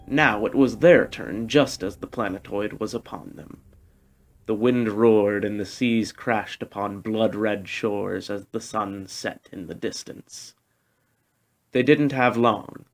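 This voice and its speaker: A man delivers scripted storybook prose as a narrator, in the manner of an amateur audiobook, with a voice at an everyday middle pitch.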